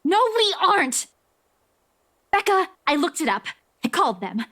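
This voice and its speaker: A woman's voice: very high-pitched, big pitch swings, a little slow, fairly bright tone, heavily acted. An actress playing a desperate, stubborn young woman in a visual novel, speaking with urgent, pleading insistence. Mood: insistent, frustrated.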